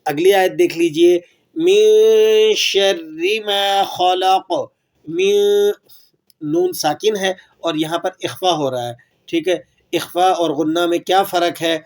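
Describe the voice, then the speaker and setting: A man with a fairly high voice gives a tajweed lesson on Quran recitation. He explains each rule patiently, poses a question and then answers it himself. He repeats phrases slowly so that learners can echo him. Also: darkish tone.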